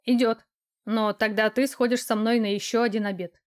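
A woman's voice: a little high, fairly even intonation, normal speed, close to an everyday voice. A woman reading the lines of a confident, teasing male office boss in an audiobook. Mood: easygoing.

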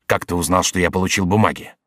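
A harsh, menacing lawyer, as a male reader plays him fires off short questions at his captive. The voice sits low and sounds dry and close. It carries the threat of a man holding a blade. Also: steady tone, quick pace, no echo, lightly acted. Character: enraged scheming male lawyer interrogator.

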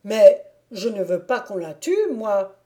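Woman playing a peasant clog-maker man, anxious, stubborn, loud protesting outbursts, mellow tone, storybook reading. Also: medium pitch, animated, slow.

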